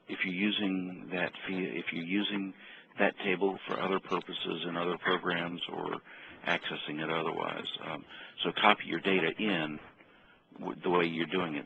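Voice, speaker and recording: A man's voice comes through a phone line, low and muffled with a faint hiss behind it. He speaks very deep and nearly monotone, with a bright, forceful edge. He talks haltingly, full of ums and restarts. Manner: hesitant, many ums and restarts. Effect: heard over a phone line. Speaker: participant on a training call.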